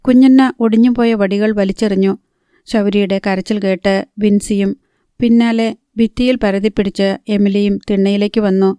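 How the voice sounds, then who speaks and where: Female audiobook narrator, steady and mellow, dry close sound. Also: medium pitch, moderate pace, smooth, no echo. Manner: steady, even storytelling. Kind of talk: scripted novel narration.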